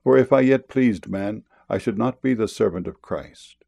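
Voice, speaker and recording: A man reading King James scripture verses aloud in a solemn, measured, unhurried way. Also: on the low side, vocal fry, dark tone. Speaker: scripture reader.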